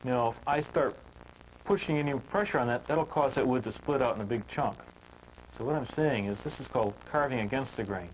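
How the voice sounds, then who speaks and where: A man teaching woodcarving in a relaxed, homespun storytelling manner, chatting with filler words as he works. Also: mid-range voice, fairly quick, a little hiss or hum, rough recording. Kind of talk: folksy storytelling while demonstrating carving.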